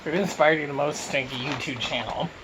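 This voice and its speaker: A man's voice: on the high side, brisk, background noise. A man from Canada answering questions in a casual mukbang Q and A, talking with his mouth full as he eats, recorded on a phone. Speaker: YouTuber answering viewer questions.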